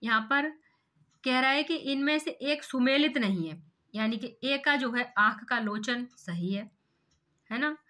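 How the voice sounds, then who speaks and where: A woman's voice: high voice, measured pace, sharp tone. A woman teacher going through an exam paper question by question, explaining each answer step by step and asking rhetorical questions. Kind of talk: exam paper walkthrough lesson.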